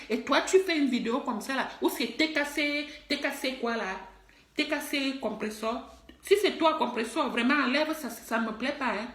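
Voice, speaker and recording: A woman with a high voice speaks straight to her online followers and scolds them firmly, repeating her points with emphasis. The sound is roomy and echoey. She is middle-aged and comes across as forthright. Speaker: online personality and musician. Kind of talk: direct-to-camera social media video. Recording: roomy echo.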